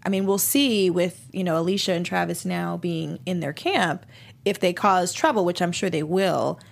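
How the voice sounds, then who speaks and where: A woman's voice: fairly low pitch, normal speed, vocal fry. A woman co-hosting a casual TV after-show, chatting loosely with lots of fillers. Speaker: co-host. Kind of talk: casual chat.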